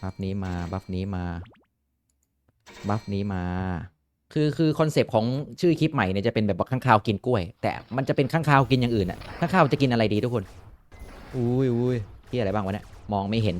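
A young man talks through a game in casual commentary, voice pitched in the middle range. He is excitable and swears freely, breaking into exclamations whenever the game surprises him. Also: a little fast, a little hiss or hum. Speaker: gaming YouTuber.

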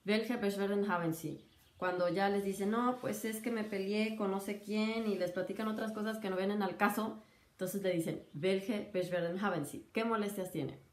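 A woman in her thirties with a Mexican Spanish accent, a doctor giving a casual spoken lesson, chatty and full of quick asides and examples. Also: mid-range voice, darkish tone, reverberant. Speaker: doctor teaching medical German.

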